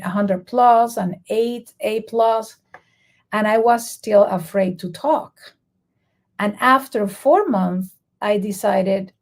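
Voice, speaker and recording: Venezuelan lady, spanish accent, husky-gravelly low-key voice, telling her story in an interview. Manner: earnest, animated storyteller. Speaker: guest educator.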